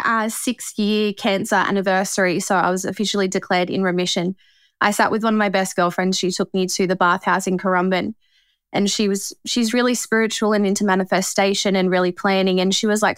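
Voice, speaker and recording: A woman's voice: mid-range voice, fairly even intonation, brisk, no echo. A woman in her twenties with an Australian accent, a podcast guest telling personal stories in a chatty, slangy way. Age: 20s. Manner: slangy, chatty, quotes conversations. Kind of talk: casual personal storytelling.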